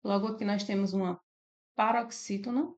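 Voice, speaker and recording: A woman's voice: mid-range voice, fairly even intonation, normal speed, darkish tone, dull audio. Brazilian woman tutoring through exam questions. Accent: Brazilian Portuguese. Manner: explanatory, adds "né?" and "ó" often. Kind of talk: casual screen-share lesson.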